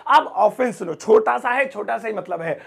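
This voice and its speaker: A man's voice: high voice, expressive, normal speed, creaky, fairly bright tone, breathy edge. A man teaching English words in a playful, chatty lesson, joking and acting out everyday example sentences. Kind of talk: playful Hindi vocabulary lesson.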